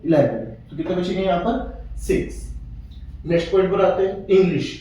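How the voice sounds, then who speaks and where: A male maths teacher explains a lesson step by step. He asks questions, answers them himself, and reads the question text slowly, word by word. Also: high-pitched, dark tone, distant mic. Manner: asks questions then answers them himself, mixing English terms into Hindi. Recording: echoey room, voice off-mic.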